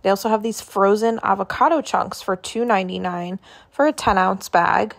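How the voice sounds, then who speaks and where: A woman's voice: medium pitch, moderate pace, vocal fry. Chatty woman listing store finds. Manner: chatty, listing items and prices. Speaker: shopping vlogger. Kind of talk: casual product walkthrough. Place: indoors in a grocery store.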